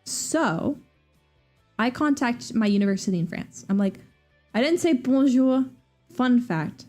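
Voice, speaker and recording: Brief: young female streamer, casual rambling chat, animated voice, faint music under it. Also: measured pace. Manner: animated, jumps to high squeaky voices when quoting people.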